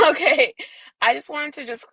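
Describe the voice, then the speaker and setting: A woman guest speaks casually on a live panel. Her voice sits fairly high and the sound is dry, with very little room to it. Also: a little slow, pushed and bright, no echo.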